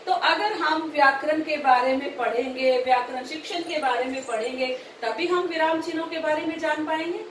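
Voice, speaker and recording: A woman's voice: sits high, normal speed, hardly any pauses, recorded from a distance, slight background noise. A woman teacher giving a grammar lecture to trainee teachers. She asks rhetorical questions and keeps checking that the class is following. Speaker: teacher educator. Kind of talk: recorded Hindi grammar lecture. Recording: echoey room, voice from off-mic.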